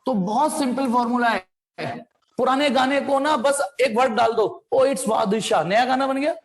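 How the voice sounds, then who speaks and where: A man's voice: extremely high pitch, normal speed. A man teaching a physics class, mixing Hindi with English terms and asking his students questions before answering them himself. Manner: playful asides, sound effects.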